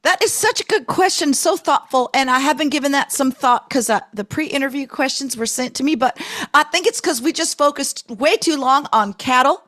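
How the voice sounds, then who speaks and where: A folksy self-styled pickling expert drawls in a put-on Texas accent, played by a woman. She rambles earnestly in a fairly high voice. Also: normal speed, a bit bright. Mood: folksy boasting. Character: boastful fake-Texan woman pickling expert. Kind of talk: improvised comedy podcast interview.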